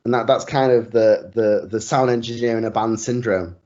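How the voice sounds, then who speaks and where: Male co-host, casual rambling chat, giggly, mid pitch, muffled home mic. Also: fairly even intonation, moderate pace, a little mellow. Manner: chatty, giggly, rambling with restarts. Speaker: podcast co-host. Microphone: secondhand desktop microphone.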